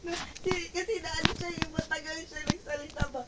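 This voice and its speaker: A woman with a high voice tells a lively, laughing story in casual chat. She sounds set back from the microphone, with loud noise running behind her. The talk stays loose and animated. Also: a little fast. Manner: animated, laughs often while telling a story. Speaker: gamer chatting while playing. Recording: distant mic with loud background noise.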